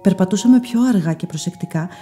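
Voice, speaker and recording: A woman giving first-person scripted story narration in a soft, measured, dreamy way. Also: medium pitch, animated, faint music behind.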